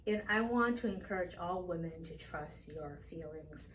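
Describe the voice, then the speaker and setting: A woman's voice: fairly low pitch, moderate pace. A woman guest therapist speaking in an earnest way in casual talk, repeating points for emphasis. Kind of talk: casual conversation. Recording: distant mic, faint noise.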